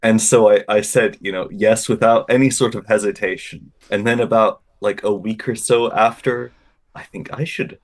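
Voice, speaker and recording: A man's voice: lowish voice, fairly even intonation, normal speed. A man telling a casual, funny story as a podcast guest, with wry, dry self-deprecation and a stammering, phrase-repeating delivery.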